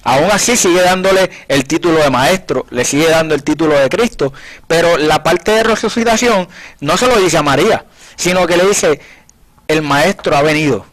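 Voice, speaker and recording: On a radio Bible program, a preacher with a fairly high voice teaches scripture in an earnest, conversational way at normal speed, with a fairly bright tone over poor audio. He retells scripture scenes as quoted dialogue and often restarts his phrases while working through a point.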